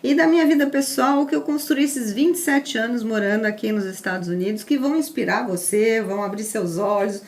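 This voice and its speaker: A woman hosts a podcast interview with a clearly high voice. She talks in an effusive, welcoming way as she brings in her guest. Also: fairly quick, few pauses. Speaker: podcast host.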